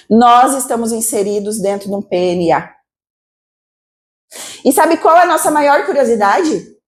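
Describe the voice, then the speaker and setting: A Brazilian woman missionary preaching a sermon to a congregation, with a Brazilian Portuguese accent, asking lively rhetorical questions. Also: on the high side. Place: church service.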